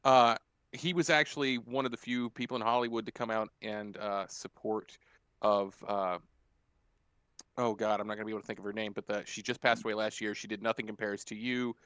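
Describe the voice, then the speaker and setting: A man in casual podcast chat, his voice bright and forward, the sound dry and close with no room around it. He talks in an animated, profane way and jumps loud when he acts out what people said. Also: on the low side, fairly quick, clear, resonant tone, no echo. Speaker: podcast co-host.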